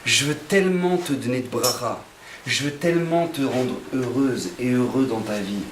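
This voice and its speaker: A man voicing God as a tender father who softly pleads with his child, in an echoey hall from some distance. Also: medium pitch, moderate pace, a little hiss or hum, voice pushed down, close to an everyday voice. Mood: pleading. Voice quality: soft, hushed and imploring.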